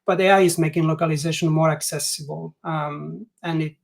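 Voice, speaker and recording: This webinar guest, a learning experience designer from Italy, speaks English as a second language with an Italian accent, hesitantly, with many restarts and "like" fillers. His high-side voice has a steady tone and vocal fry, and he talks a little fast.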